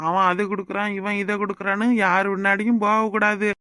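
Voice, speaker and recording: A man voicing a smooth party fixer. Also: sits high, level tone, fairly quick, sharp tone, no echo, studio quality. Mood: persuading. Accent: southern Tamil Nadu rural dialect. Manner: patronizing, persuasive. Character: smooth-talking middle-aged male party fixer. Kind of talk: cartoon voice acting.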